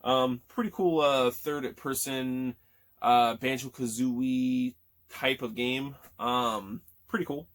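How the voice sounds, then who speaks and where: A man's voice: medium pitch, steady tone, slow pace, fairly bright tone. A man in his thirties chatting casually about games he picked up, rambling with many fillers and restarts and swearing freely, his voice still cracking after being sick. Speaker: gaming vlogger. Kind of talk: casual chat.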